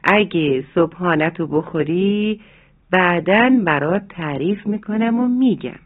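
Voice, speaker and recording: Storybook mother, soft and patient, tender explanations, tinny phone-line sound, read by the storyteller. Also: mid-range voice, natural voice. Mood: tender, calm. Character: gentle, loving mother. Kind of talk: children's storybook reading. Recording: narrow phone-like sound, faint music.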